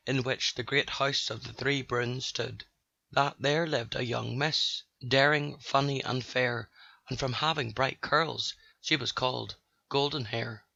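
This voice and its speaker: A man's voice: medium pitch, measured pace, creaky, dry recording. Male narrator for children's rhyming stories, dry and slightly muffled. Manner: steady sing-song rhyme.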